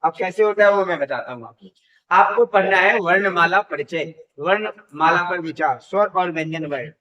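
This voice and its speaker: A man's voice: high voice, normal speed, pushed and bright, muffled recording. A man teaching a Sanskrit lesson in class, drilling pronunciation, asking questions and repeating the answers.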